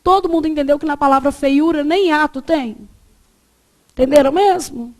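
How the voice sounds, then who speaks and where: A woman's voice: sits high, normal speed. A woman teaching a grammar lesson, asking the class questions and answering them herself.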